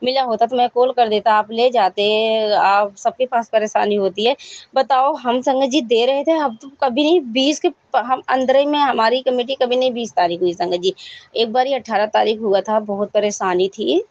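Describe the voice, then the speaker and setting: A woman's voice: on the high side, a little mellow, muffled recording. A middle-aged woman giving a rambling, worried personal testimony to a devotional congregation, pleading in prayer.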